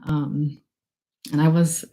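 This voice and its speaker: A woman's voice: low voice, little pitch movement, takes it slowly, mellow, a little hiss or hum, rough recording. A young woman talking casually on a livestream at her book launch, emotional and gushing, rambling with many fillers. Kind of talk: casual livestream thank-yous.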